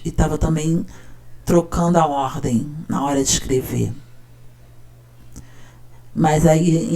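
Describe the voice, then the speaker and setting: Woman teacher, mellow tone, chatty explainer who keeps checking in. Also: sits low. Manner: conversational, checks in with listener often. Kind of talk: casual explanatory talk.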